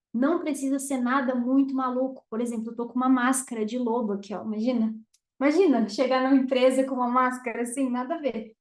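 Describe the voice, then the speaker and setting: A Brazilian woman with a Brazilian Portuguese accent, a communication mentor teaching to camera with emphatic delivery, dropping and raising her volume and pausing for effect. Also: a little high, darkish tone, roomy sound. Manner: emphatic, varies volume and pauses on purpose.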